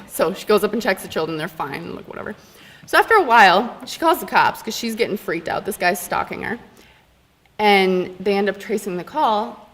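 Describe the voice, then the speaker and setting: A young woman telling a funny personal story on stage at a live storytelling event, animated and laughing often. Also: medium pitch. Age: young adult. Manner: animated, laughing, dramatic pauses. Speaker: student storyteller.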